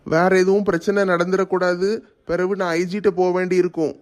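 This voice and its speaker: A man acting in a homemade family skit, speaking in an insistent, flat way. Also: high-pitched, fairly quick.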